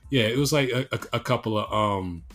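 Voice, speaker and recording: A young man co-hosting a casual podcast who talks haltingly, repeating words as he searches for them. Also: mid-range voice, a bit bright, faint music behind. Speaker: podcast co-host. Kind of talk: casual chat.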